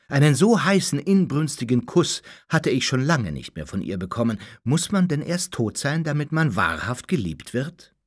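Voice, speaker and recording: Ein Mann liest ein Hörbuch in der Ich-Form, theatralisch und ausdrucksvoll, mit stark bewegter Stimmführung. Die Aufnahme klingt trocken und nah, ohne Raumhall. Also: male voice, medium pitch, no room sound, clean studio sound. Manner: theatrical, expressive. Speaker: audiobook reader. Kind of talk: dramatic first-person storybook narration.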